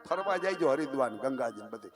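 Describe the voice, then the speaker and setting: A man in his fifties with a Kathiawadi Gujarati accent, telling a devotional folk story to a live gathering, swinging from hushed asides to loud declaiming with half-sung lines. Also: mid-range voice, expressive, fast talker, over music. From Saurashtra, Gujarat. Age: 50s. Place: live stage before a village gathering.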